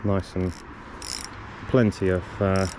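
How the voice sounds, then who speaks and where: On a riverbank, a fishing vlogger with a fairly low, level voice slowly walks through his kit, rambling loosely with plenty of ums and self-corrections. He coughs a lot, and clear background noise comes through the outdoor recording.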